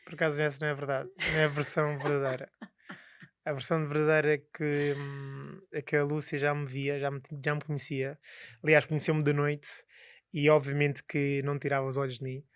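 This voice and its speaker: Brief: podcast co-host, man, teasing and playful, fairly high voice, dry close sound. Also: monotone, fairly quick, clean tone, no room sound. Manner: teasing, playful storytelling with many fillers. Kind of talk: casual chat.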